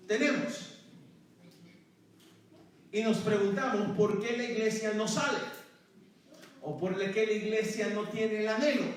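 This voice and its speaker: A male pastor preaching a sermon to his congregation, often calling them "hermano" and breaking into praise. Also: sits high. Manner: calls out to the congregation, repeats "hermano" and praise phrases. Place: church sanctuary. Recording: very echoey church hall from far off.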